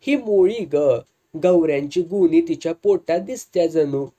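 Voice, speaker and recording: A narrator voicing a shy young village woman speaking softly in rural dialect. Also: lowish voice, animated, a little slow. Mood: bashful.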